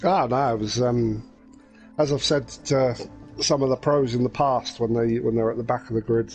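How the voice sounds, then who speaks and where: A man with an ordinary mid-pitched voice walks through his race in a casual chat. He pauses on fillers as he explains, with faint music in the background. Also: steady tone, a little mellow. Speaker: sim racing league driver.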